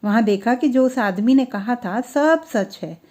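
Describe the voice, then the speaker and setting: In Hindi, a woman recounts a classic story in a voice that's a little high. She reads with steady, measured pacing, letting her sentence endings drop gently.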